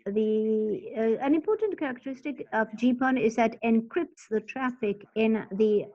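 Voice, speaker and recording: A woman with a somewhat high voice walks through a technical setup in halting, stop-start phrases. Her delivery keeps pausing and picking up again. The sound is dull and lo-fi, like a muffled webinar feed. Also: animated. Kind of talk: technical presentation.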